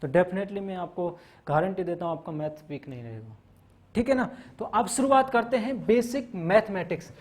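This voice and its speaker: A man's voice: high-pitched, moderate pace. A man teaching maths in a classroom lecture, walking through topics step by step and often checking in with his students. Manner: frequent "theek hai na" check-ins, mixes English terms; explains step by step, listing topics.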